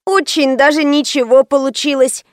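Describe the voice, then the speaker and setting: Woman doing a fussy chattery young gal in an audiobook, higher voice, dry sound. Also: fairly even intonation, no echo, natural voice. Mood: fussing. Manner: fussy, quick, eager to please.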